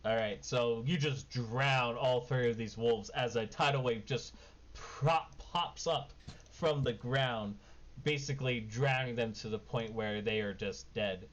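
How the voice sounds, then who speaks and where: A man's voice: medium pitch, unhurried. A man narrating as game master of a tabletop game, in a casual, informal way. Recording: dull lo-fi mic, background noise.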